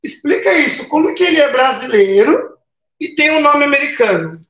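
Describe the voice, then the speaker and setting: A man's voice: extremely high pitch, animated, normal speed, bright, forceful tone. Chatty Brazilian man hosting a live stream. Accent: Brazilian Portuguese. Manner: chatty, greets viewers by name, tag questions. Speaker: live-stream baking host. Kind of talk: casual live-stream chat with viewers. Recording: roomy, slightly dull live-stream audio.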